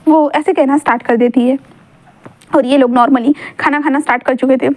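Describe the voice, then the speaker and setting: A woman's voice: sits high, steady tone, moderate pace, darkish tone. A woman casually narrating a fan-fiction story, chatty and informal with fillers.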